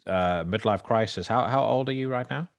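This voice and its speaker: A man's voice: mid-range voice, moderate pace, vocal fry. A man in his forties hosting a podcast interview, casual and stammering, often repeating words. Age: 40s. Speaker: podcast host.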